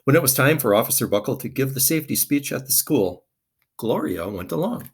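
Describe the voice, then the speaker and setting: A man's voice: medium pitch, lively intonation, brisk, breathy edge. A man reading a children's picture book aloud expressively, with dramatic emphasis.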